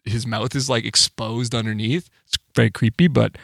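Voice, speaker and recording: A man's voice: medium pitch, fairly even intonation, normal speed, vocal fry, dry recording. Man telling rambling stories, dry sound. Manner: rambling storytelling with profanity and filler. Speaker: podcast co-host; band musician. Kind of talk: casual chat.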